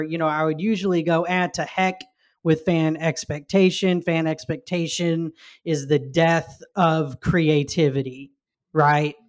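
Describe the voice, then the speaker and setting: A man co-hosting a podcast, talking through his views in a thoughtful, measured way with frequent fillers. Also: fairly high pitch. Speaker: podcast co-host. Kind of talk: casual discussion.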